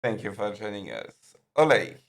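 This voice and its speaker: A man hosting and moderating a live-stream panel, talking in a halting way with many pauses. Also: fairly low pitch, animated, slight background noise. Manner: halting, lots of fillers and restarts. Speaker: host and moderator.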